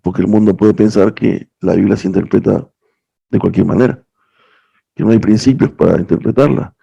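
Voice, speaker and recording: A man's voice: lowish voice, normal speed, creaky, mellow, breathy edge, highs cut off. A young man teaching a class on interpreting the Bible, earnest and explanatory, often checking in with a rhetorical question. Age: young adult. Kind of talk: lecture on biblical interpretation.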